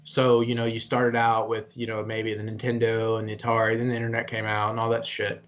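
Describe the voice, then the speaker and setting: A man's voice: on the low side, monotone, a little fast, fairly bright tone. A young man co-hosting a casual chat, talking earnestly and motivationally, with some swearing. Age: young adult. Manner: earnest, pep-talk delivery with some swearing. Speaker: podcast co-host. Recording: slightly dull lo-fi audio.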